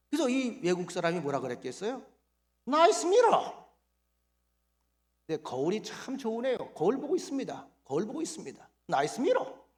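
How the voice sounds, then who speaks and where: Animated Korean pastor preaching. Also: male voice, a little high. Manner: lively preacher who quizzes the congregation and has them repeat phrases. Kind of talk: sermon.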